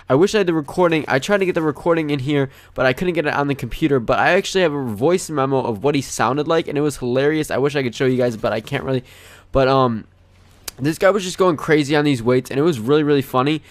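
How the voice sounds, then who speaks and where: A young man runs a gaming channel and tells a meandering story over gameplay, his medium-pitched voice moving fast and packed with fillers. He sounds animated and loose, and the recording is dry.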